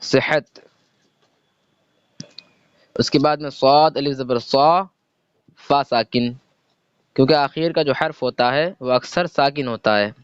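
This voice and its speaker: A man with a mid-range voice teaches a slow, step-by-step reading lesson, patiently spelling out letters and sounds one at a time and answering his own questions, with long pauses along the way. His tone is clean with no room sound, though the recording itself sounds dull and lo-fi.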